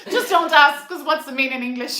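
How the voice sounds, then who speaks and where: A woman's voice: high voice, quick pace, pushed and bright, echoey room. A woman co-hosting a casual live stream, chipping in with short prompts and corrections. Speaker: co-host.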